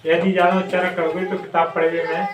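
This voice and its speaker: A male teacher leading a classroom alphabet lesson, slowly repeating questions for his students to answer. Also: high voice, little pitch movement. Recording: echoey room, distant mic, loud noise.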